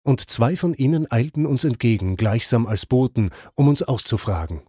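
A man narrating classic epic poetry in a measured, even reading style. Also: mid-range voice, breathy edge, no echo, clean studio sound. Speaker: audiobook reader.

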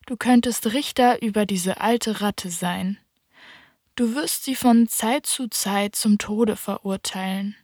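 A woman's voice: medium pitch, darkish tone, no echo, studio quality. A woman voicing an old, self-important king. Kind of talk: audiobook character voice.

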